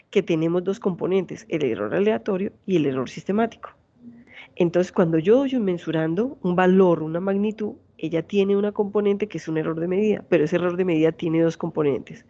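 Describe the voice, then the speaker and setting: A woman's voice: lowish voice, mellow, lo-fi sound. A woman in her forties with a Santander Colombian accent, a university teacher giving an online lecture and often asking her students questions. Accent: Santander Colombian Spanish. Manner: asks students many check questions.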